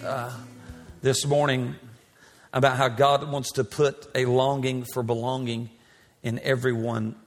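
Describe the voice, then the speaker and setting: A man's voice: medium pitch, creaky. A pastor in his forties preaching a sermon in a church, with an emphatic, repetitive cadence. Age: 40s. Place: large church sanctuary. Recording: church hall reverb.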